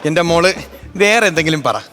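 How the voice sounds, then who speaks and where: A man's voice: fairly high pitch, lively intonation, a little fast. A male comedian, playing a new husband in a stage comedy sketch with an exaggerated comic delivery. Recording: television broadcast with music behind.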